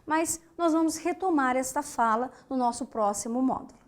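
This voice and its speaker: A woman's voice: high voice, moderate pace, very noisy. A woman with a Brazilian Portuguese accent teaching a grammar lesson. She keeps asking the class questions and then answers them herself. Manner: lively, asks students questions and answers them.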